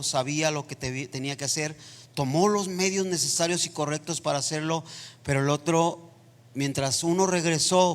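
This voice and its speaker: A man preaching a sermon in a church, building into impassioned, near-shouted passages. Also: fairly high pitch. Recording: long reverb of a church hall.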